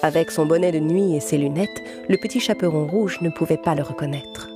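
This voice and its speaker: Moving along fairly quickly, a woman reads a children's story from a script in a slightly low voice while music plays clearly underneath.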